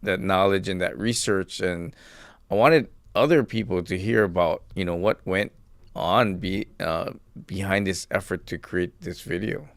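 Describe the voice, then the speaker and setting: Low-voiced male talk show host. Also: unhurried, no room sound. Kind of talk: live talk show interview.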